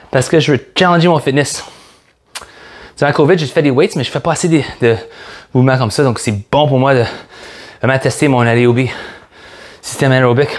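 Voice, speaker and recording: A man's voice: mid-range voice, a little hiss or hum. A man with a Québécois French accent, leading a workout as a fitness coach, upbeat and joking as he counts reps aloud. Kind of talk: guided workout instruction.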